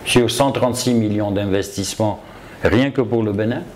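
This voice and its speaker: A man from Côte d'Ivoire speaks as an interview guest, emphatically telling his own story as a self-taught property developer. His voice sits on the low side and is a little mellow, with a moderate pace and a faint hiss or hum.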